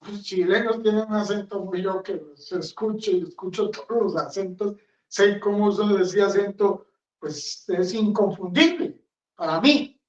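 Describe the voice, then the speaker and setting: Rambling friar preaching in a roomy chapel. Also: male voice, sits high, unhurried. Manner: rambling, conversational, blunt. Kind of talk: sermon. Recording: roomy, distant, dull sound.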